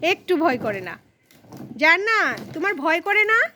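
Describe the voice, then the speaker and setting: A woman's voice: very high-pitched, big pitch swings, measured pace, pushed and bright, a little hiss or hum. A woman filming and narrating a casual family vlog, coaxing her small daughter while talking to viewers.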